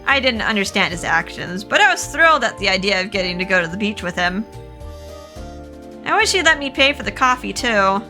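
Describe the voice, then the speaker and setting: A woman's voice: medium pitch, sing-song, fairly quick, bright, forceful tone, faint music behind. A woman voicing a dreamy young college student, reading game lines aloud in a wondering tone.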